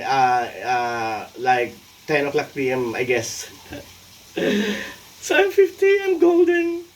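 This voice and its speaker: A Filipino man in his forties, talking alone in a rambling vlog, halting and full of fillers, playful at times. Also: fairly high pitch, recorded from a distance. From Philippines. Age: 40s. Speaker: vlogger and tax consultant.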